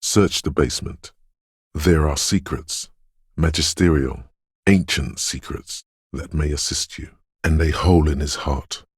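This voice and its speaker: A heavily acted video game role: the inner voice of intuition, brooding and dreamlike. The man behind it uses a very deep, husky, gravelly rumble edged with whisper, delivered slow, hushed and portentous for an ominous, mysterious, theatrical effect, recorded studio-quality and echo-free on a close, dry microphone.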